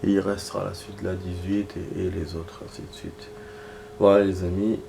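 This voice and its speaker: Over background noise, a male gaming streamer talks at a moderate pace, casually voicing in-game text and chatting as he plays. Sick with a cold, he clears his throat, speaking in a low, gravelly monotone punctuated by mutters.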